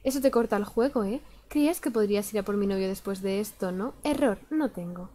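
A woman's voice: medium pitch, a little fast, mellow, a little hiss or hum, natural voice. A woman reading out the lines of a proud, haughty teenage girl rival in a disdainful tone.

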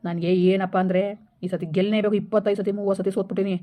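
A woman playing a middle-aged village man who hushes and bosses his family to protect his election chances, in a comedy skit. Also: medium pitch, little pitch movement, very fast, natural voice. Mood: persuading. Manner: hushing, persuasive, bossy.

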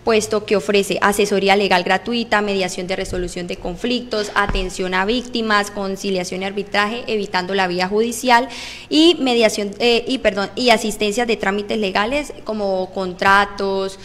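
A woman's voice: mid-range voice, steady tone, moderate pace, a bit bright. A woman, answering interview questions in an earnest, formal, prepared way at a studio desk mic. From Colombia. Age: 20s. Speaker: council candidate. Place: small radio studio.

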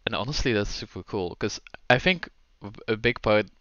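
A young man with a low, smooth voice chats casually as a podcast co-host, filling his talk with "like" and laughing easily. The recording is dry and slightly dull. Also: animated, normal speed, pushed and bright, dry recording. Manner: chatty, laughs easily, frequent "like" fillers. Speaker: podcast co-host, game developer. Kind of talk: casual chat.

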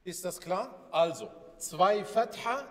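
A man's voice: high-pitched, lively intonation, takes it slowly, fairly bright tone. Patient male teacher in an echoey classroom. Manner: patient, asks questions and repeats. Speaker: Arabic alphabet teacher. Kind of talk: classroom lesson with questions to students.

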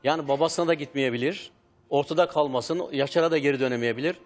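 A man speaking as the show's expert, calmly recounting what a guest told him. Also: on the high side, soft background music. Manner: measured, recounting a phone call. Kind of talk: calm explanation on a talk show.

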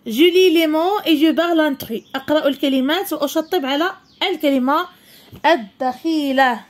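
A woman's voice: high voice, quick pace. A woman teacher, sounding out French syllables one by one for young pupils and explaining in Arabic. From Morocco. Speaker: primary school French teacher. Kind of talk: slow syllable-by-syllable reading lesson.

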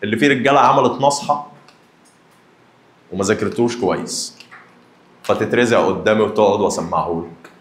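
A young man with an Egyptian Arabic accent, a math teacher giving a lively lesson and teasing his students directly. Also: lowish voice, a little fast, long pauses, reverberant.

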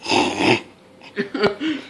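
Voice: mid-range voice, huge pitch swings, drawn-out words, a bit bright, a little hiss or hum. A young adult vlogger speaking through a hand over the mouth, groaning with disgust in casual chat on camera. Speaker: vlogger doing a taste challenge.

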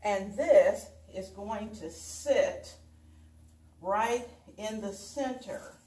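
An older woman talks slowly and easily, walking viewers through her work as she goes. Her voice sits at a middle pitch and comes from across the room. The room adds a roomy echo. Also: warm tone, far from the mic. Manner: chatty, unhurried, talks while working with her hands. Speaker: home decor host. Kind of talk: casual how-to demonstration. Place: dining room at home, indoors. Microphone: camera mic from across the room.

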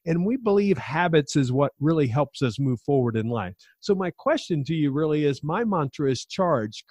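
A man's voice: on the high side, a little mellow, no echo. Upbeat male podcast host, dry sound. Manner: enthusiastic, pep-talk delivery. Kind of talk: podcast interview.

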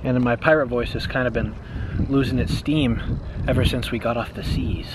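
A man's voice: mid-range voice, steady tone, normal speed, noisy background. A young man vlogging outdoors by a lake, narrating in a playful, mock-dramatic pirate manner.

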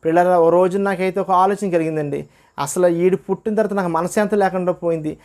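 A man's voice: sits high, steady tone, quick pace, darkish tone. Earnest man giving a testimony. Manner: earnest storytelling, acts out quoted dialogue. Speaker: testimony speaker. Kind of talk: personal religious testimony.

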